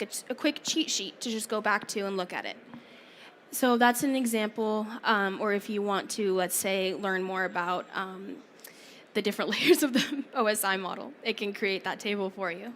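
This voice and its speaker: A woman gives a live talk from a conference theater stage, her voice slightly high and starting to go. She keeps a chatty tone with frequent small apologies. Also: fairly bright tone, a little hiss or hum. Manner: chatty, laughs often, apologetic asides. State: losing her voice. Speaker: presenter.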